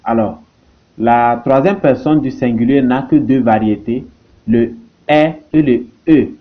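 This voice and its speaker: A man teaching a language lesson, who slowly repeats each example word and phrase. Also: mid-range voice, phone-quality sound.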